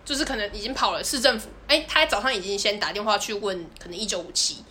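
A woman's voice: mid-range voice, fast talker, sharp tone. A woman, co-hosting a podcast and animatedly telling a story, often laughing and acting out the people in it. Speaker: podcast co-host. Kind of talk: casual storytelling chat.

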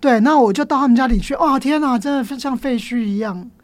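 A woman with a Taiwanese Mandarin accent, a teacher telling stories as a podcast guest in an expressive way. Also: high voice, brisk, no room sound. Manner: lively, expressive storyteller. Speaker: guest, elementary school teacher. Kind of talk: storytelling in a podcast interview.

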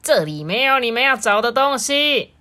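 A woman's voice: fairly high pitch, lively intonation, moderate pace, bright, forceful tone, voice pushed up. Woman doing a grumpy scolding farmer. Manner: scolding, stern. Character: grumpy hard-working male farmer.

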